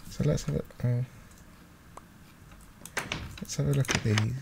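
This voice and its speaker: Slow, creaky-voiced man with mouse clicking behind. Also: mid-range voice, steady tone. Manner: hesitant, thinking aloud. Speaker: gaming video host. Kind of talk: casual let's play commentary. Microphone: close desktop microphone with gain high. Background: mouse clicks and keyboard noise.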